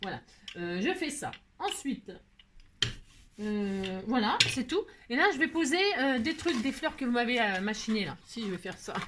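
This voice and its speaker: A woman's voice: a little high, sing-song, moderate pace, noisy background. A woman hosting a casual craft tutorial, chatty and playful, teasing herself and filling her talk with fillers. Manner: chatty, playful, self-mocking, many fillers. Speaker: crafting video host.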